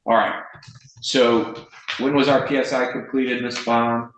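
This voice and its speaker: An American-accented man presides as a judge at a court hearing in an indoor courtroom, speaking formally for the record in a deliberate, firm and measured way. His mid-range voice is level and fairly bright. The courtroom audio has roomy echo and faint noise.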